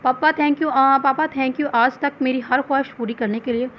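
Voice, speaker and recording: A playful young woman, pampered and teasing, speaks in a high, bright voice, as a woman narrator reads her lines. The recording is slightly dull, with a faint hiss in the background. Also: steady tone, moderate pace, natural voice. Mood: lively. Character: cheerful spoiled young woman, daughter.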